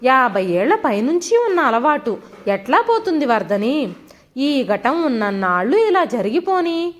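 A woman's voice: high voice, sing-song, unhurried. A woman voicing a mild, elderly widowed sister in a storybook reading.

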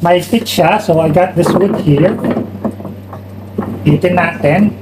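Filipino male DIY vlogger, relaxed demo talk, clear workshop noise underneath. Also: high voice, slow pace. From Philippines. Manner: relaxed, explaining while testing a tool. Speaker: woodworking vlogger. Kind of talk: casual demo talk mixing Tagalog and English. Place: home woodworking workshop, indoors. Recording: loud workshop noise behind.

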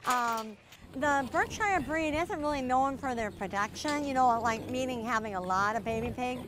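This is a casual interview on a Minnesota farm, where a middle-aged woman shows visitors around outdoors. Her voice sits high and sounds animated at a normal pace against background noise. She comes across as easygoing and homey, with "you know" cropping up again and again.

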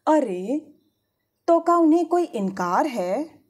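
A woman doing a brisk middle-aged mother. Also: sits high, very animated, darkish tone, pitched above the performer's own voice, heavily acted.

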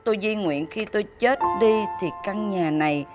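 An actress playing an emotional, devoted daughter-in-law, pleading and tearful. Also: female voice, mid-range voice, normal speed, over loud music, lightly acted. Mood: reading.

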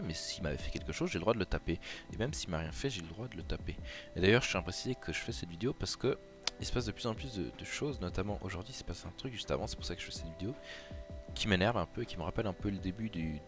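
A man from France explaining a mobile strategy game over a screen recording, chatty and hesitant, with many fillers and restarts. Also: sits low. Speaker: gaming YouTuber. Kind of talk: casual game tutorial commentary. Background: background music.

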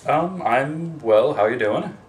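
Deadpan young man, roomy and distant. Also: medium pitch, takes it slowly, a little hiss or hum. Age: young adult. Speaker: friend in a comedy sketch. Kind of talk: scripted comedy sketch. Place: small apartment kitchen, indoors. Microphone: camera mic from across the room. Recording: roomy, distant camera sound.

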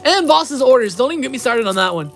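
Sex: woman. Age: 20s. Role: livestream host. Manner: upbeat, rapid, slightly high voice. Behind: faint music. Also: very animated, gravelly. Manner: upbeat, reads out card names and answers chat. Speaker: card-opening livestreamer. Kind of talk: live card-pack opening. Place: indoors at a table with a playmat.

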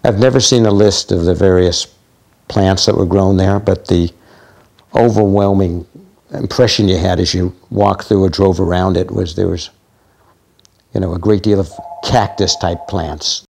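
Male landowner, gravelly and husky, blunt interview delivery. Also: sits low, fairly even intonation, normal speed, a little mellow.

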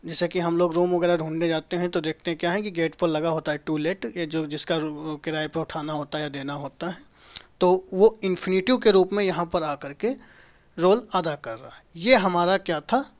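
A man in his thirties teaching a grammar lesson at a whiteboard in a small room. He explains slowly, repeats key terms and answers his own rhetorical questions. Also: on the high side.

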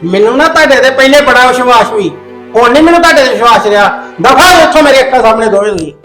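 A man's voice: very high voice, expressive, racing, pushed and bright, reverberant, soft background music, full character voice. A man playing a proud, stern village father who scolds his grown daughters harshly. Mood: angry. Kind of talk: domestic drama acting.

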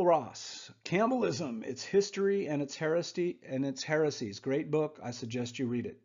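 A man's voice: a little high, a little mellow. Conversational man teaching over slides, muffled audio. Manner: conversational, frequent "okay?" asides. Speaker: Bible teacher. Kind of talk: slide-based Bible lesson. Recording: muffled lo-fi voice recording.

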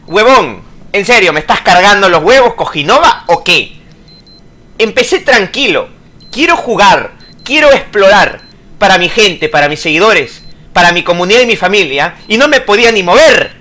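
Loud ranting gamer. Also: male voice, high-pitched, sing-song, moderate pace. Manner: loud, swearing, yelping and ranting at the game. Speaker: gaming YouTuber. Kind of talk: let's-play commentary.

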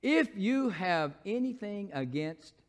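A man with a Southern accent, a pastor preaching a sermon in church, moving between shouted scripture and quiet, folksy asides. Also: very animated, slow pace. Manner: preaching, swings from shouted proclamation to low asides. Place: church sanctuary.

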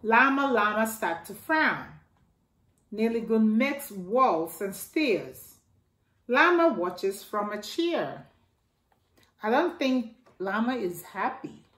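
This is a middle-aged woman doing a children's storytime read-aloud of a picture book. She reads slowly and with expression, shooting her voice up for exclamations and a toy's lines, in a living room by the stairs where the sound echoes.

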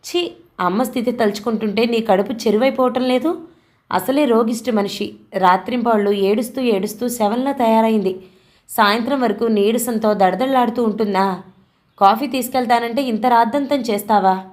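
A woman's voice: fairly high pitch, moderate pace, a little mellow, close to an everyday voice. Woman as a defiant young daughter. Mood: indignant.

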